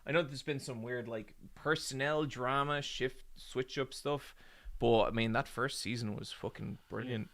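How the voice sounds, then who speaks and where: A man's voice: medium pitch, fairly even intonation, moderate pace, creaky, fairly bright tone. A man in his forties chatting casually with his stream audience, joking and rambling with lots of ums. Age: 40s. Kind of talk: casual live-stream chat with viewers.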